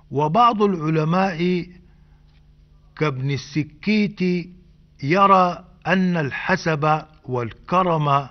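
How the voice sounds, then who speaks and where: Slow scholarly man on old radio. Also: on the high side. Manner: measured, precise, scholarly explanation. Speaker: radio program host. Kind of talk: slow scripted language lesson. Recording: dull old radio broadcast.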